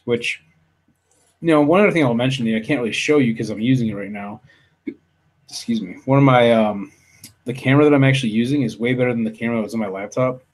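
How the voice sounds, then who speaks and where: A man's voice: medium pitch, quick pace. A man hosting a casual live stream from a home office, talking into a desktop studio mic, rambling with lots of fillers, restarts and mild swearing. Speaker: livestream show host. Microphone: desktop USB studio mic.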